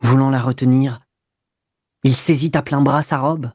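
A woman narrates a novel in a measured, unhurried reading. Her voice is husky and mellow, and the dry, close sound suits an audiobook. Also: a bass voice, steady tone, no room sound. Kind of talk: scripted narration.

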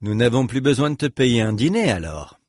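A man voicing a calm, measured scholarly man in an audiobook, speaking quietly and with restraint. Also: medium pitch, no echo, clean studio sound. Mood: restrained.

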